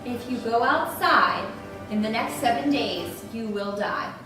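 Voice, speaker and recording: Woman as mock-serious female news anchor, high and dramatic, distant mic, parody bulletin. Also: expressive, measured pace, music in the background. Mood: solemn. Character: earnest, alarmist female local TV news anchor. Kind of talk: parody newscast. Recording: very echoey room, distant mic.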